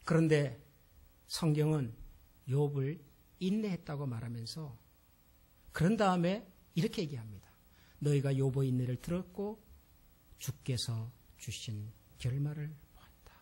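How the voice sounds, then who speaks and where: A man's voice: a little high, lively intonation, a little slow, pauses often, dark tone, breathy edge. A male pastor giving a sermon, speaking straight to the congregation and building to impassioned appeals. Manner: addresses the congregation directly, rising to impassioned appeals.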